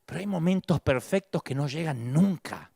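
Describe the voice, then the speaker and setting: A man's voice: fairly high pitch, lively intonation, normal speed, creaky, warm tone, breathy edge, no echo, clean studio sound. A middle-aged man with an Argentine accent preaching a sermon, dramatic and acting out the voices of the people he quotes. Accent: Rioplatense Spanish. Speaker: pastor.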